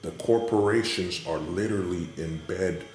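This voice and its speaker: A man's voice: low voice, moderate pace, darkish tone. A man giving an unscripted, opinionated monologue in an emphatic way, often checking in with the listener, recorded in a hallway. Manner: emphatic, repetitive rhetorical check-ins with the listener. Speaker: vlogger giving commentary. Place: indoors in a hallway. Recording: echoey hallway, faint background noise.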